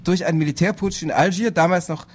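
Fairly high-voiced man debating on a panel. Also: fairly even intonation. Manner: measured, hesitant with frequent fillers and self-corrections. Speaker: panel speaker. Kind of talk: political panel talk. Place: lecture hall.

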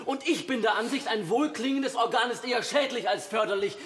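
A male actor playing an earnest young theology student with a hoarse, sharp voice and formal speech. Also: extremely high pitch, fairly quick. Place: theatre stage.

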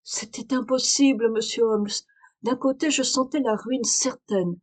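A woman's voice: a little high, steady tone, measured pace, voice pushed up. A woman reader voicing a desperate aristocratic young wife in a French audiobook, pleading and urgent. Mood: anxious confession. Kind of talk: audiobook reading of a detective story.

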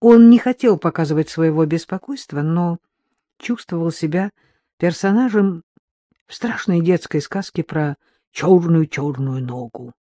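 A narrator gives a measured, expressive audiobook reading. The voice is dark and mellow, and the recording is dry and close, with no room sound. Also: mid-range voice, dry recording.

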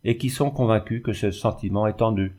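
A man reading a classic story aloud in a measured, expressive way. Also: on the low side. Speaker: audiobook reader. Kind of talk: scripted narration of a classic story.

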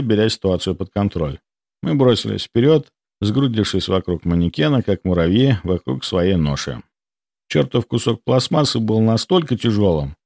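A man reading first-person audiobook narration in an expressive storytelling manner, recorded on a close studio mic. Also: fairly low pitch, no echo.

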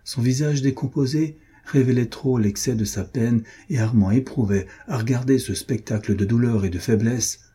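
A man reading a classic French novel as narrator, in a measured literary manner. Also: medium pitch, dark tone, slightly rough. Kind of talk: audiobook narration.

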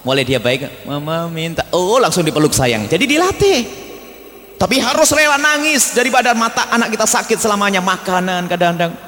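A male preacher delivering a sermon to a congregation, his voice pitched a little high and swinging widely up and down. He is blunt and emphatic, scolding one moment and gentle the next. A long hall reverb trails every phrase. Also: very animated, a little fast. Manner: emphatic, blunt scolding mixed with tender asides. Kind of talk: religious study sermon to a congregation.

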